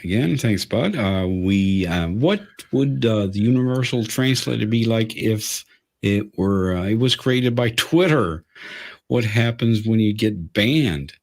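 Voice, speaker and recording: Rambling, foul-mouthed host. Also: male voice, fairly low pitch, lively intonation, a little slow. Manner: rambling, profane ranting. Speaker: livestream host. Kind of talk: casual livestream chat.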